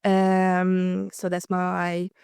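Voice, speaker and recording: In a lowish, gravelly, darkish voice, a Slovak woman in her twenties who grew up speaking Hungarian talks in a monotone, drawing her words out. She's a guest in a casual podcast interview, with frequent ums and little laughs. The tone is clean, with no room sound.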